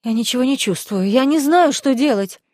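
A woman's voice: animated, brisk, a little mellow, dry recording, clean studio sound. Woman voicing a sobbing, panicked young woman. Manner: sobbing, frantic, high and pleading. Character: panicked weeping young woman, a frightened friend.

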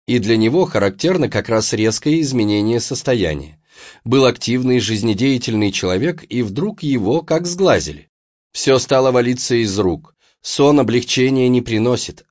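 A man's voice: mid-range voice, a little mellow, no room sound, muffled recording. A man, a doctor, giving a scripted medical talk with a dry, wry anecdote.

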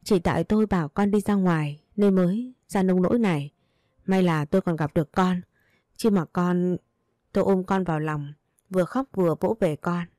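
Woman reading a first person story, heartfelt, lowish mellow voice, dry close sound. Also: moderate pace, no echo.

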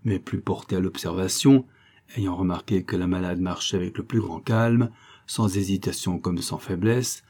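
A man reads a classic novel aloud in a steady, measured way. His voice is low and mellow, with a husky grain. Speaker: audiobook narrator. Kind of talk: scripted narration.

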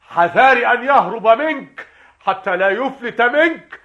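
A man acting a fussy, panicky judge in a stage comedy, shrill and fretful. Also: animated, normal speed, bright, forceful tone, dull audio, heavily acted. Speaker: stage actor.

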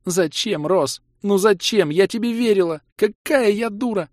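A man voicing a young woman paladin who shouts shrill, sobbing accusations in an audiobook. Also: a little slow, no room sound, clean studio sound. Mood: tearful.

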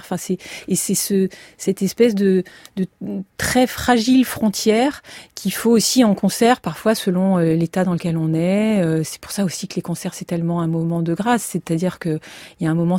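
Thoughtful woman with a mellow voice. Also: on the low side, dry recording, clean studio sound. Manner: thoughtful, searching for words, many restarts. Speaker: classical musician guest. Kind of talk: radio interview.

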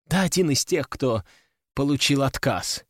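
A man's voice: mid-range voice, expressive, measured pace, no echo, studio quality. A man voicing a young noblewoman who speaks in a cool, dismissive way, in an audiobook reading. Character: sharp-tongued young noblewoman.

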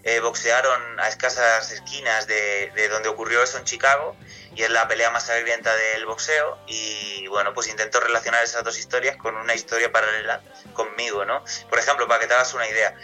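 A man's voice: mid-range voice, little pitch movement, a little fast, bright, forceful tone, soft background music, low-quality recording. A man from Castilla-La Mancha, a singer being interviewed on radio, answering at length in a casual, rambling way with many restarts. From Castilla-La Mancha, Spain.

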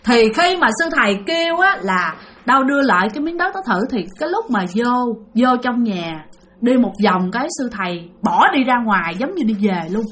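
A woman with a Southern Vietnamese accent telling a ghost story in a lively, dramatic way, speaking straight to her listeners. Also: a little high, normal speed.

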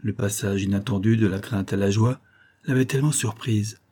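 A man narrating a classic novel as an audiobook reader, with a steady, measured storytelling delivery. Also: fairly low pitch, husky.

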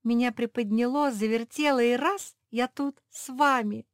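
A woman voicing a frightened young pug sister, telling her story in a breathless, loud way. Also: fairly high pitch, moderate pace, no echo, clean studio sound, voice pushed up, lightly acted.

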